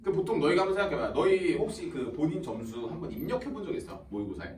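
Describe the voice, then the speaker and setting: A man with a fairly high, very lively voice that rises and falls as he chats with his students and slips into playful impressions of the people he describes. He is recorded from some distance in a roomy classroom with a faint hum of ambience behind him. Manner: chatty, acts out students and teachers in quick quoted asides, laughs often. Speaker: high school math teacher. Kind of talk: casual classroom talk to students.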